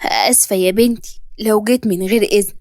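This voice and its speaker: A woman's voice: mid-range voice, fairly even intonation, quick pace, a little mellow, no echo, clean studio sound, pitched below the performer's own voice, natural voice. A woman voicing a kindly older nanny with an Egyptian accent, tenderly imploring. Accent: Egyptian Arabic.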